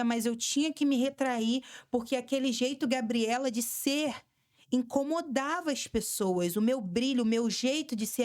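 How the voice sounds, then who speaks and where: A young Brazilian woman, a podcast guest, speaking candidly and telling animated stories, acting out the voices of people she quotes. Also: sits high. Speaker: podcast guest, samba dancer and influencer. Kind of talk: candid interview talk.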